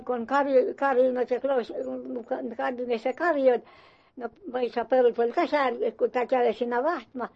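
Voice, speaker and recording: Older woman with a high, gravelly voice. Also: a little mellow, dull audio. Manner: rambling, halting, many restarts and self-corrections; voices the people in her story with a raised pitch. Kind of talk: oral-history reminiscence in dialect.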